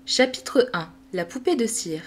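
A woman narrating a classic storybook for an audiobook, her delivery measured and clear. Her fairly high voice carries the story at an even pace. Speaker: audiobook reader. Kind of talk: scripted narration.

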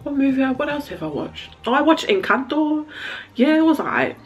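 A woman's voice: sits high, sing-song, normal speed, dull audio. Chatty laughing woman vlogger. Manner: chatty, laughs often, lots of "like". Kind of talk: casual mukbang chat to camera.

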